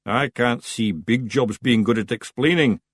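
A man voicing a plain-spoken, grumbling big Feegle with a Scottish accent in an audiobook, slow and blunt. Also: mid-range voice, husky, no room sound, clean studio sound. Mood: doubtful.

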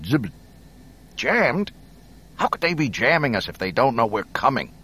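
A man voicing a worried starship pilot who shouts urgent commands. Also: sits low, huge pitch swings, normal speed, full character voice.

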